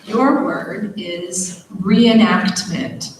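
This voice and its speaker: A woman acting as a spelling bee pronouncer, reading out each word and its definition in a measured, formal way. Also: medium pitch, a little hiss or hum. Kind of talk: reading words and definitions aloud. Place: large echoey hall or auditorium. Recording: echoey hall recorded from far off.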